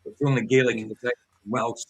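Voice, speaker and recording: A man's voice: mid-range voice, little pitch movement, brisk. A man from northeast Scotland with a Doric accent, chatting casually and often repeating his phrases. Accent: northeast Scottish Doric. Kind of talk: casual chat.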